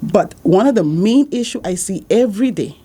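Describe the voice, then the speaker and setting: In a warm, husky, mid-range voice with lively intonation, a woman answers interview questions at a moderate pace. She comes from Saint Martin in the Caribbean, has a Dutch accent, and as a business support consultant earnestly gives advice, repeating her key points.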